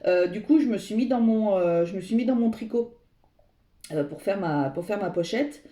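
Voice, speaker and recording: An animated woman with a warm, medium-pitched voice reads tarot at a moderate pace. She speaks straight to her viewers, wandering off and searching for words, and the space sounds roomy and echoey.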